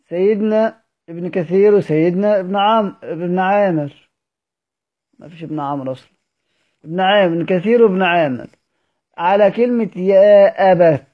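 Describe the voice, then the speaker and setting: Egyptian man teaching, high lo-fi voice. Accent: Egyptian Arabic. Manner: explanatory, quizzing students with questions and answering himself. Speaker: Quran recitation teacher. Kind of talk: recorded study-circle lesson. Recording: dull lo-fi audio recording.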